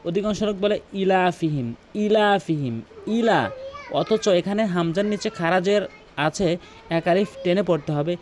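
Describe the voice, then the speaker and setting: Man, high voice, recitation teacher, explains step by step, chants words long and slow. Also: a little mellow. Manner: explains slowly, then recites phrases drawn out with a raised pitch. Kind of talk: tutorial on Arabic pronunciation.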